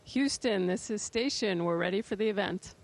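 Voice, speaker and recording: A woman's voice: mid-range voice, normal speed, vocal fry. A woman astronaut giving friendly, simple explanations to students in a live question session from aboard a space station.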